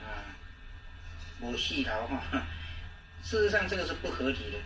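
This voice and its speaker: A man with a Taiwanese accent teaching a language lesson, repeating words slowly and often trailing off with "ha" and "oh". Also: mid-range voice, very animated. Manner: repetitive, drawn-out, frequent "ha, oh" fillers. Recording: echoey room, distant mic, faint noise.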